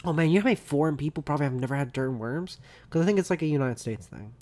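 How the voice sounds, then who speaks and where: A man co-hosting a casual podcast chat who rants loudly, swears and jokes around. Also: fairly high pitch, lively intonation, very fast. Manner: loud, joking, profane rants with mock voices. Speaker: podcast co-host.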